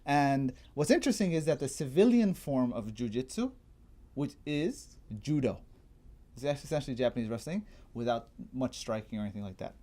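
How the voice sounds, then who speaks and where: Man, casual chat host, mellow tone, explanatory, trails off, laughs easily. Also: mid-range voice, lively intonation, fairly quick. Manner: explanatory, laughs often, trails off mid-sentence. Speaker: fitness trainer and host.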